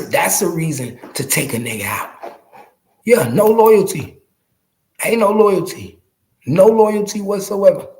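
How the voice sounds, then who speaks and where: This podcast host, a man in his early forties, has a high voice with a darkish tone. Addressing his viewers, he gives casual street commentary full of slang and profanity, pressing his points by saying phrases again and again.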